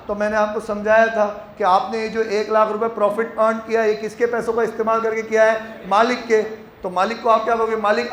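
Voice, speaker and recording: A male accounting teacher giving a classroom lecture, leading his students in loud call-and-response chants. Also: sits high, a little hiss or hum. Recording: echoey classroom with faint ambience.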